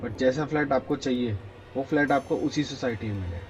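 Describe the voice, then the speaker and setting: A man's voice: mid-range voice, a little fast, background noise, close to an everyday voice. A man voicing a male property broker who talks in a casual, coaxing salesman's patter. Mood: casual, persuasive. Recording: dull lo-fi with faint music.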